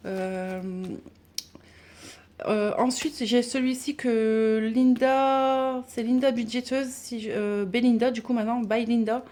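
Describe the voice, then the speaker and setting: A woman vlogging casually about her budget binders, chatty and halting with many fillers and restarts. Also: a little high, fairly even intonation, warm tone. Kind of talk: casual chat showing binders.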